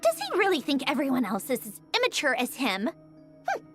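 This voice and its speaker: A woman's voice: sits high, wildly swooping pitch, moderate pace, music in the background, full character voice. An actress voicing a cold, haughty woman commander in a fantasy game, speaking in a dismissive, clipped way. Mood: scornful. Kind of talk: video game cutscene voice acting.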